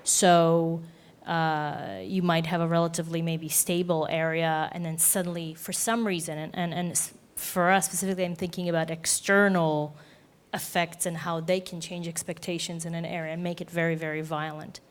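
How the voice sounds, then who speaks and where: A woman's voice: fairly low pitch, level tone, moderate pace, clear, resonant tone. A woman raising a question at a panel discussion, hesitant and repeating words, with many fillers. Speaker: forum participant.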